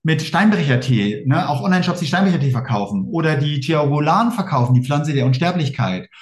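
A man with a German accent telling his story fast and emphatically in a casual interview, acting out quoted exchanges. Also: a little high, animated, roomy sound. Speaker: interview guest.

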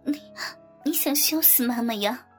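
A flustered middle-aged mother speaks in a high, breathless, whimpering voice, shy and pleading, as the narrator acts her out. Soft music plays faintly behind this erotic audiobook reading. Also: lively intonation, takes it slowly.

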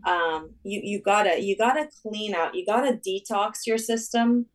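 A woman dentist from Saudi Arabia chatting as an interview guest, animated and full of restarts. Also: mid-range voice, moderate pace, distant mic, slight background noise, rough recording. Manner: animated, rambling with many restarts. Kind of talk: casual interview talk.

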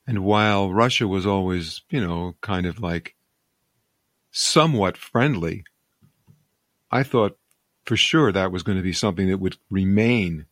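Man, interview host, lowish pitch, musing, hesitant, broken phrasing, dry close sound. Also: measured pace, long pauses, fairly bright tone, dry recording. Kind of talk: conversational interview question.

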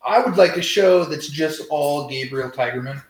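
A man's voice: on the high side, moderate pace, reverberant, poor audio. A man hosting a casual TV review, rambling, sarcastic and profane. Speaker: TV review host. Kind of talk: casual spoiler review chat.

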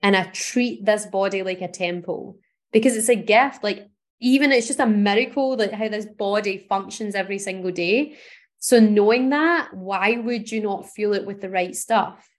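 A woman's voice: medium pitch, moderate pace. A woman from Scotland hosting a podcast, giving an earnest, encouraging motivational talk. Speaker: podcast host.

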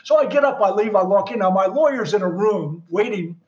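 A man's voice: sits high, fairly quick, highs cut off. A man guest telling a story in a casual conversation, acting out the voices of other people in it. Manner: animated, acts out quoted dialogue.

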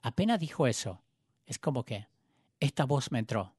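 A male preacher telling a personal story in a sermon, moving between raised, urgent passages and hushed, quiet ones. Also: medium pitch, big pitch swings, normal speed, husky, dry recording, studio quality. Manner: dramatic storytelling, swings between loud and hushed.

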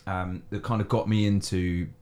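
A man co-hosting a podcast, asking questions in a halting, hesitant way. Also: sits low, flat delivery, darkish tone. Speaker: podcast co-host. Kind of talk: casual interview questions.

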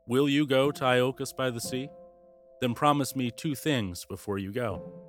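A wise old centaur prophet gives grave, sighing counsel, voiced by a male narrator. He speaks as a solemn mentor in a storybook. The voice sits in the middle range, with soft music underneath. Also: mid-range voice, moderate pace, close to an everyday voice.

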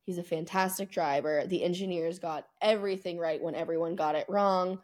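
Speaking fairly quickly with fairly even intonation, a woman with a somewhat low, darkish voice co-hosts a sports podcast. Her casual talk is emphatic, hyperbolic, and plainly opinionated.

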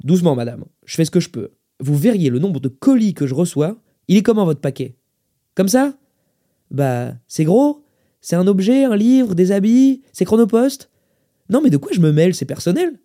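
A man's voice: a little high, very animated, normal speed. A man voicing a busy, brusque middle-aged café owner who talks back to a customer. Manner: brusque, loud, offhand.

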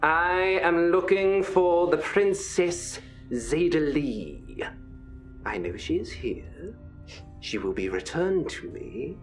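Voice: medium pitch, expressive, slow pace, voice pushed up. A game master voicing an imperious, zealous prince who makes cold, commanding threats in a tabletop game. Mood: cold menace. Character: menacing masked prince atop a dragon, imperious zealot. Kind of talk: tabletop game villain role-play. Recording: music playing behind the voice.

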